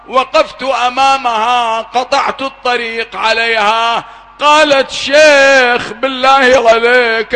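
A man's voice: very high voice, bright, forceful tone. A man giving a mournful sermon, reciting an elegy with impassioned, wailing cries. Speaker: Shia eulogy reciter. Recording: long hall reverb.

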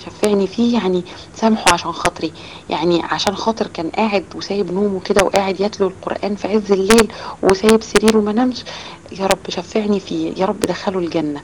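Fast-talking Egyptian woman teaching children. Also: medium pitch, fairly even intonation. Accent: Egyptian Arabic. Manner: explains with many rhetorical questions. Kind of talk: storytelling lesson for children. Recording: loud background noise with clicks.

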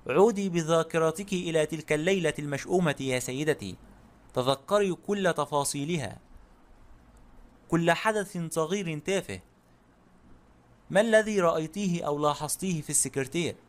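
A man's voice: fairly high pitch, a little fast, natural voice. A man reading the lines of a proud, grave little male detective in an audiobook, in a dry, self-assured manner.

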